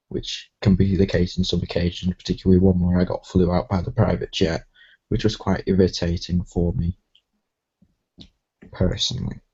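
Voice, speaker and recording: A man hosting a casual live stream, talking in a slow, even way that often trails off. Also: low voice, breathy edge. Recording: dull lo-fi stream audio.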